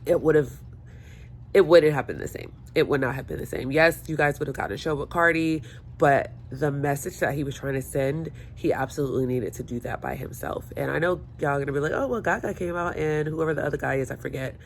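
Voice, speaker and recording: A woman with a low, brisk voice chats to camera at home by the windows, her phone held or propped. Stuffy and hungover, she rambles in a self-mocking way, with a little hiss or hum on the recording.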